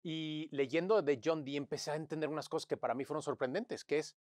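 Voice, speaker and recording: A man, a guest in an interview, telling stories in a lively way and acting out what others said to him. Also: on the high side, fairly quick, no echo, clean studio sound. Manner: animated storyteller, acts out quotes. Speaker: interview guest, crisis management consultant. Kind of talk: conversational interview.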